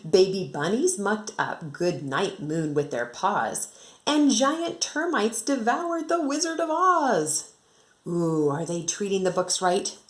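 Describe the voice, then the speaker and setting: An American woman who teaches second grade reads a picture book to her class, expressive and rhythmic, taking it slowly and stopping for casual explanatory asides. Her mid-range voice is animated.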